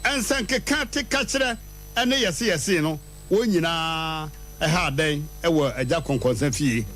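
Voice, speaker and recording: Animated male radio host. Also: soft background music. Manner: lively, jumps high in pitch for punchlines, drawn-out words. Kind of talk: animated radio storytelling and proverbs. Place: radio studio.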